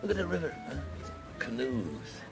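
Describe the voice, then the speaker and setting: An actor playing a shrewd French police inspector on holiday in a radio drama, speaking in a wry, hesitant, conversational way. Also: male voice, mid-range voice, wildly swooping pitch, moderate pace, creaky, music in the background, full character voice. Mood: musing, wry.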